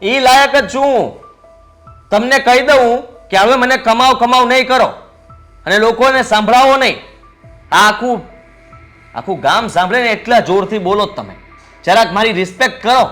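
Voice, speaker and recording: A man's voice: extremely high pitch, moderate pace, pauses often, pushed and bright, faint music behind. An actor playing a cocky, idle young married man who argues with his father in a mocking tone. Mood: defiant. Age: young adult.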